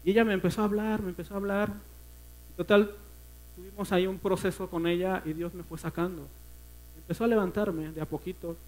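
A man with a Mexican accent preaching a personal testimony at a church service, earnest and emotional, often dropping to a hush. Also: high voice, fairly even intonation, fairly quick, low-quality recording. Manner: earnest, emotional storytelling that often sinks to a hushed voice.

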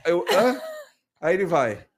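A man, co-hosting a podcast and telling a story in an animated way, acting out scenes. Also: high voice, a little slow, slightly rough. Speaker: podcast co-host. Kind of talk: casual chat.

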